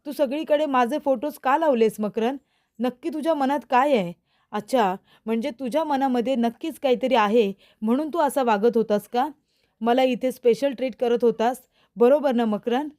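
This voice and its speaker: A woman's voice: a little high, moderate pace, darkish tone, close to an everyday voice. A woman voicing a young woman who angrily confronts a man and demands answers, in a serial recap. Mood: confronting.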